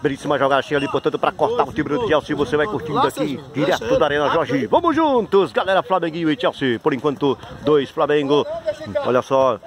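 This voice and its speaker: A Brazilian man giving rapid, excited live play-by-play commentary on a youth football match outdoors, repeating the team names. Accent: Brazilian Portuguese. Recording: noisy crowd at outdoor pitch. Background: crowd and players shouting.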